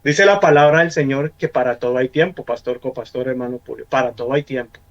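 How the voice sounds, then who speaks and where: A man's voice: medium pitch, brisk. Earnest Colombian man on dull lo-fi audio. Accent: Colombian Spanish. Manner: earnest, repeats words as he searches for them. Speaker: church member on a panel. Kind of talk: testimony in a church discussion. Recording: dull lo-fi sound.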